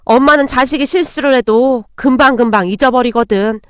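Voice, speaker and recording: A woman's voice: high voice, fairly quick, clean tone, no echo, lightly acted. A woman doing a firm older mother-in-law. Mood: tender. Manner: firm, commanding, then gentle. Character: stern yet caring older mother-in-law.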